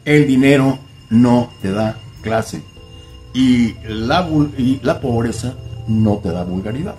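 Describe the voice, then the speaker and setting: A man's voice: mid-range voice, animated, slow pace, mellow, soft background music. An older man hosting a style channel, speaking to camera in a formal, emphatic manner, repeating points and addressing the viewer politely. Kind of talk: talking to camera, advice monologue. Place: home room by a window.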